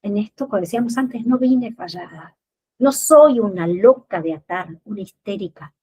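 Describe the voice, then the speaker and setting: A woman's voice: mid-range voice, lively intonation, moderate pace, dark tone, slightly rough. A woman therapist speaking as an interview guest, explaining with rhetorical questions and little acted-out scenes.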